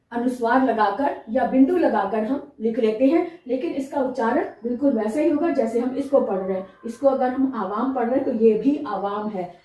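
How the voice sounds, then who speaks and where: A high-pitched woman teaching a grammar lesson, explaining patiently and repeating each example. She sounds far from the mic in a very echoey room. The recording is dull. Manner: explanatory, repeats examples, asks rhetorical checks. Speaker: Hindi teacher.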